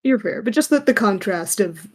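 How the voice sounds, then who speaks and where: A woman's voice: mid-range voice, lively intonation, normal speed. A woman hosting a casual podcast chat, playful and a little hesitant. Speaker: host.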